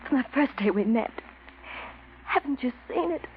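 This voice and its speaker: A woman playing a passionate, possessive young woman in a 1940s radio drama, speaking in an intense, theatrical, breathy way. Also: high-pitched, lively intonation, normal speed, a little hiss or hum. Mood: pleading. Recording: dull 1940s radio recording.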